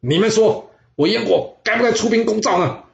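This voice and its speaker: A man voicing an arrogant, hot-tempered ancient king who shouts and scorns his advisers. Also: medium pitch, fast talker, lightly acted. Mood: furious. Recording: roomy, slightly dull audio.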